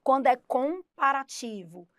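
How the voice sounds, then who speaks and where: A woman's voice: high voice, expressive, a little slow, a bit bright, dry recording. A Brazilian woman teaching an English grammar lesson, explaining step by step and voicing her students' questions herself.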